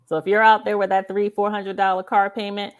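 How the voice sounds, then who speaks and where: This woman talks a little fast in a flat, medium-pitched delivery. As host of a live author interview show, she conducts a casual conversation, speaking emphatically and affirmingly and going back over points for her listeners.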